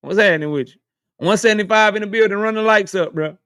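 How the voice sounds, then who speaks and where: High, smooth-voiced man roasting his chat. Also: fast, fairly bright tone, no echo, clean studio sound. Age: 30s. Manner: joking, roasting chat members, laughs often. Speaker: live stream host. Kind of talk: casual live stream chat with viewers.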